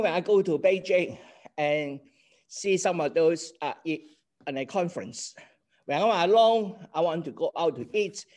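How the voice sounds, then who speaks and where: An older native Cantonese speaker from Hong Kong, with a Hong Kong accent, lectures an online class over a video call. His voice is fairly high and a little mellow, and he explains things earnestly, often checking in with "okay?"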